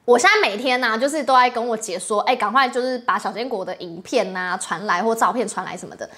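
A woman's voice: a little high, fast, bright, forceful tone. A young adult woman with a Taiwanese Mandarin accent, hosting a casual livestream, chatty and rambling, laughing often and greeting viewers' comments. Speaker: livestream host.

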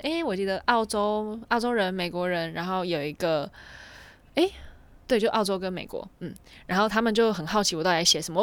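Young woman just rambling through a story, dry room, mid pitch. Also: no echo. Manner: rambling, chains clauses with "and then". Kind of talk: casual storytelling.

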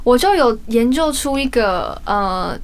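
A woman's voice: fairly high pitch, lively intonation, measured pace. A young woman with a Taiwanese accent, co-hosting a podcast in a casual, chatty style. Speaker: podcast co-host. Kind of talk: casual chat.

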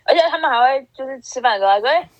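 A woman's voice: high voice, animated, very fast, dry recording. A young woman, co-hosting a casual podcast chat, rambling with many restarts. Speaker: podcast co-host.

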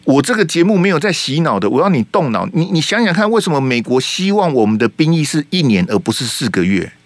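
A man's voice: fairly high pitch, very animated, fast, no room sound. A man with a Taiwanese Mandarin accent hosting a political talk radio show, heated and emphatic, firing rhetorical questions at his listeners.

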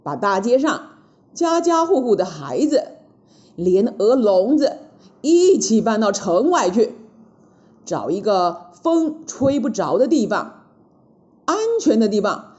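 A woman voicing a cocky male monkey king who gives brisk, raised commands. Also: medium pitch, darkish tone, highs cut off.

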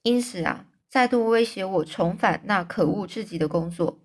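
A woman's voice: medium pitch, normal speed, slightly rough. A woman reading a novel aloud as a storyteller, stopping often to explain difficult words in plain terms.

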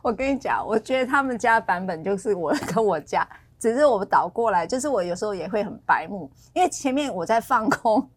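Playful, lively woman co-host. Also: medium pitch. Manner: chatty and playful, quick to laugh. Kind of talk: casual talk-show chat.

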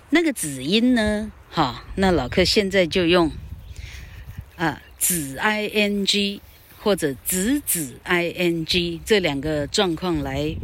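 A woman giving a casual English grammar lesson, chatty and full of tag particles. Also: lowish voice. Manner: chatty, frequent "ha" tag particles, calls herself 老客.

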